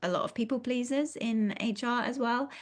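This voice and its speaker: A woman's voice: on the high side, moderate pace. A woman hosting an interview in a casual, supportive way, asking her guest questions and giving short affirmations. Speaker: interview host.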